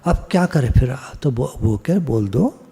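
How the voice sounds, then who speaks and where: A man's voice: medium pitch, lively intonation, measured pace, gravelly, warm tone, husky, big-room sound. A man giving a plain, practical devotional discourse in a conversational teaching manner. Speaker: spiritual teacher.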